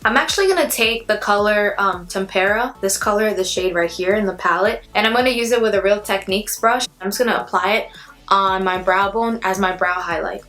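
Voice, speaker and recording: A woman's voice: mid-range voice, fairly quick, fairly bright tone. Chatty woman giving a makeup tutorial. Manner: chatty, addresses viewers directly. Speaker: beauty vlogger. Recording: music playing behind the voice. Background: background music.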